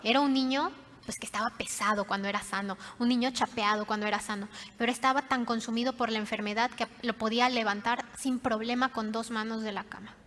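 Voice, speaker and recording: A woman pastor preaching a sermon, telling the story dramatically and often dropping to soft, hushed tones. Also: on the high side, fairly even intonation, fast. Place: church hall. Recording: reverberant church hall.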